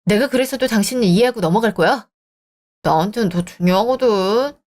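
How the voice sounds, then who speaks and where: A woman's voice: mid-range voice, fairly quick, darkish tone, lightly acted. A woman voicing a selfish young married man who talks in a dismissive, irritated way, in a dramatized story. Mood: scornful.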